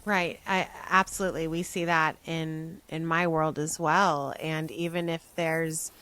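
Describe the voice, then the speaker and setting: A woman's voice: low-pitched, flat delivery, unhurried, a bit bright, dry recording, low-quality recording. A young adult woman hosting a podcast, asking thoughtful, rambling questions. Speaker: podcast host. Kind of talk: conversational podcast interview.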